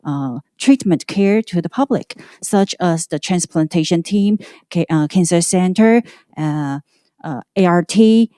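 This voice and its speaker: A woman speaking through a face mask gives a halting prepared presentation as a hospital representative, with frequent stumbles and self-corrections. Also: lowish voice, dark tone, no echo, clean studio sound. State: sick.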